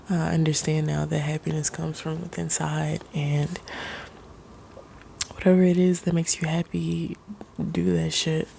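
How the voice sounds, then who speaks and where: Woman, soft ASMR pep talk, near-whisper, mellow and even-pitched, halting delivery, faint noise behind. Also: creaky. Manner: halting, pausing mid-sentence. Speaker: ASMR creator. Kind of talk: soft-spoken ASMR, reflective personal talk.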